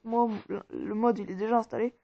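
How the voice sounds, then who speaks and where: A woman's voice: on the high side, lively intonation, a little fast, creaky. A woman talking viewers casually through an app tutorial step by step, informal and rambling. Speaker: tutorial maker. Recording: dull, dry lo-fi recording.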